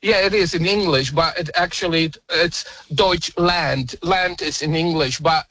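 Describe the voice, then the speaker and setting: Iraqi-born caller, assyrian native, bright tense voice, patient explaining. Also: male voice, a little high, a little slow, dry recording. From Iraq. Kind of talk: phone-in chat.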